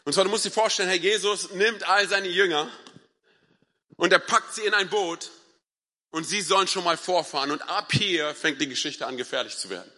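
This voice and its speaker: A man preaching a lively, playful sermon to a young church crowd, dropping in bits of English slang. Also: sits high, normal speed, in a large hall.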